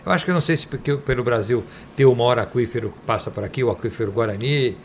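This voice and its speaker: A man's voice: mid-range voice, fast, a little hiss or hum. Reflective male interviewer, long musing questions. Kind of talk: radio interview.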